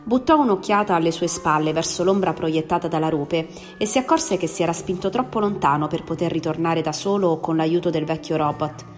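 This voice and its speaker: A woman's voice: low-pitched, a little fast, hardly any pauses. Woman reading a story aloud. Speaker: story reader. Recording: long reverb, faint music behind.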